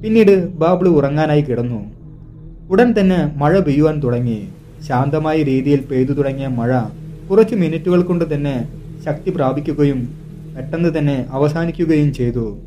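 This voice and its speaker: Male storyteller, mellow, slightly high voice, suspenseful scripted narration over soft music. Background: soft background music.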